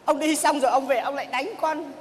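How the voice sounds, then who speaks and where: A woman's voice: high-pitched, steady tone, fast talker, lightly acted. Woman playing a shrieking jealous wife. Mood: scolding. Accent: Northern Vietnamese. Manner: shrieking, scolding theatrics. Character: furious jealous wife and mother. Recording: live stage, hall reverb, audience noise.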